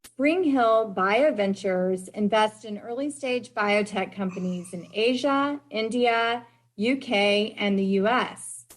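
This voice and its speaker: Woman with a tennessee accent hosting a podcast, doing intros and interview questions, mid-pitched voice. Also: slow. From Tennessee, United States. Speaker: podcast host.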